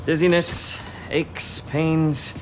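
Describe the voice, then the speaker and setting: An actor playing a grave, formal scientist doctor in a video game, questioning in a measured, clipped way. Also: male voice, fairly high pitch, level tone, noisy background. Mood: somber, clinical.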